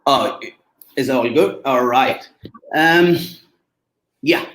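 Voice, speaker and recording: A man speaking as a presents as a guest expert on a live stream. His voice is mid-pitched, and he talks casually, hesitating, restarting sentences and laughing often. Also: very slow, fairly bright tone, low-quality recording. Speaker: SEO agency guest expert.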